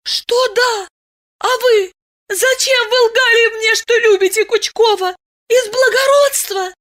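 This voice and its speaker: A woman voicing a naive young village girl who shouts through her tears in a hysterical rage. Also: very high voice, slow, pitched above the performer's own voice, full character voice. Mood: distraught. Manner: shouting, tearful, breaking into sobs.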